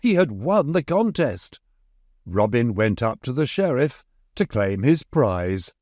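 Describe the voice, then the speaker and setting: A man slowly reads a bedtime story aimed at children, his voice medium in pitch and his intonation ranging widely for expressiveness. There's very little room sound, giving a dry recording.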